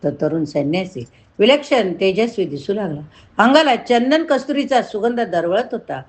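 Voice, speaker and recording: A woman narrating a story in a measured, expressive storytelling voice. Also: medium pitch, husky. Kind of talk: dramatic story reading.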